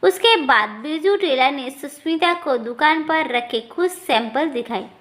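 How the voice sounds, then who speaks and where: A woman narrating a moral family story in a steady storytelling manner. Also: sits high. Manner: slow, even storytelling.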